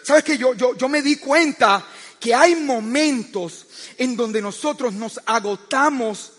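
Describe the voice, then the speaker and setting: A man's voice: very high-pitched, slow pace, a bit bright, in a large hall. A man preaching a sermon who tells stories and keeps asking his listeners "¿sabes qué?", often stammering and restarting his sentences.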